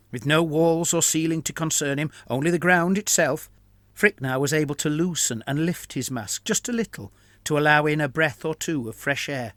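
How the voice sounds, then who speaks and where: A man reads a written fantasy story aloud in a measured, even delivery. His voice sits a little higher than usual for a man. The sound is dry and close. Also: no echo. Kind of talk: scripted narration.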